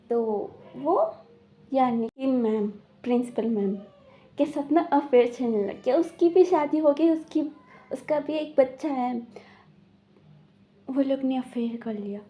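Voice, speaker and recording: A woman's voice: a little high, highs cut off. A woman casually retelling a drama plot, rambling with many fillers and quoting the characters. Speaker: drama recap narrator. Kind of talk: casual storytelling recap.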